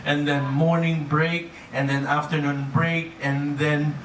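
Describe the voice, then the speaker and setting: This cruise director talks slowly in a fairly high, slightly bright voice with little pitch movement. He's upbeat and playful, giving guests a comedic live presentation and often chuckling at his own jokes, heard through a distant mic in a noisy, echoing room.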